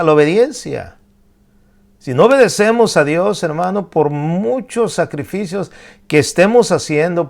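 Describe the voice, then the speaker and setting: Gravelly-voiced male pastor preaching. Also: on the high side. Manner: conversational preaching with frequent "¿verdad?" and "o sea". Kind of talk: sermon.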